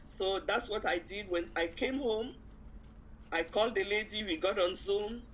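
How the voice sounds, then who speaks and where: In poor audio with slight background noise, a woman speaks a little slowly in a mid-range voice. She's an interview guest recounting a personal story casually and animatedly, voicing the quotes and chuckling often.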